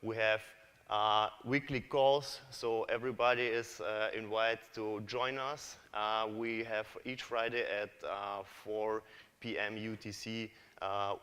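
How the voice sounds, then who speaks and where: A man's voice: lowish voice, flat delivery, slow, a bit bright, smooth. A man from Kazakhstan giving a conference talk as a developer, hesitant, with many fillers and restarts, in a large hall. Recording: reverberant hall.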